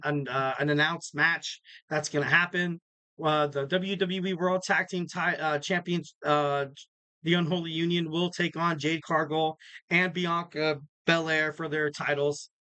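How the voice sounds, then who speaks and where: On his solo wrestling podcast, this host gives a casual preview in loose, upbeat promo style, heavy with fillers and rambling. His voice is a bit higher than most men's, bright and forceful with a slight rasp. The recording is dry and close-miked.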